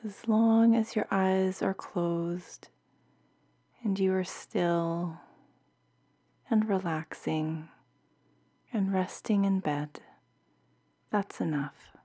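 A woman guiding a bedtime meditation in a soft, soothing, half-whispered voice, like a sleep story narrator. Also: mid-range voice, drawn-out words, pauses often. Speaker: meditation guide.

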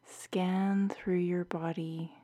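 A woman guiding a bedtime meditation in a soft, soothing, half-whispered voice, like a sleep story narrator. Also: on the low side, flat delivery, very slow. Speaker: meditation guide.

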